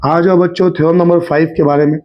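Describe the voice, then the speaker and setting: A man with a somewhat high voice, a little hoarse today, teaches a math lesson with constant coaxing questions to his students. The recording sounds dull and lo-fi. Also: little pitch movement, quick pace. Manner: coaxing, keeps asking the class if they understood. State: slightly hoarse throat. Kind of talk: Hindi math lesson at a whiteboard.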